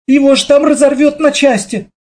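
A man voicing a panicked young mother in a storybook reading, crying out in shrill, near-tearful exclamations. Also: moderate pace, darkish tone. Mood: frantic.

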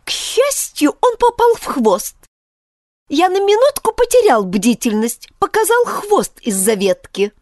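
A high, shrill little male sparrow, fussy and learned, chirping out indignant protests with wild leaps in pitch, as a woman reading the story puts him on. The sound is dry and close. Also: big pitch swings, measured pace, no room sound, full character voice. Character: fussy educated male sparrow, nervous and preachy.

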